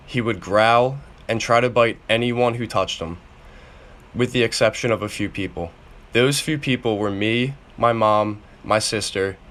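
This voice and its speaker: A young man reading his own personal memoir aloud, steady and earnest, letting his sentence ends fall away softly. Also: on the low side. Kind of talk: read-aloud personal narrative.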